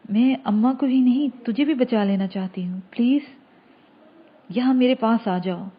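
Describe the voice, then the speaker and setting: A woman's voice: on the high side, slightly rough, narrow, tinny audio. A woman voicing an affectionate young woman who speaks in a loving, persuasive tone. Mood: pleading. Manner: tender, loving tone.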